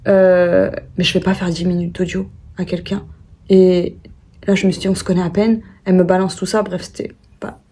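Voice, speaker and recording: A woman's voice: fairly low pitch, little pitch movement, moderate pace, dark tone, breathy edge. A young woman vlogger telling a personal story in a casual, chatty way, with many fillers and restarts and quoted voices acted out.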